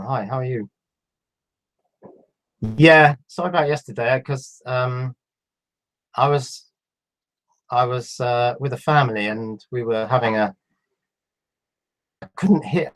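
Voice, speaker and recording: A man in his fifties with a cold, reading out viewer questions on a live stream and answering them in a relaxed, halting way. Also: medium pitch, poor audio. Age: 50s. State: has a cold. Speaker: electronics YouTuber answering live chat. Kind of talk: casual live stream chat.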